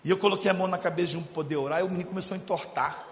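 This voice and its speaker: A high-voiced Brazilian pastor delivers a lively, joking sermon to his congregation, switching between loud bursts and hushed moments. His voice carries through an echoey church hall with a long reverb tail and a faint hum of room noise behind him. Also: racing. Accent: Brazilian Portuguese. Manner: storytelling, jokes with the congregation, shifts from loud to hushed. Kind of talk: humorous sermon.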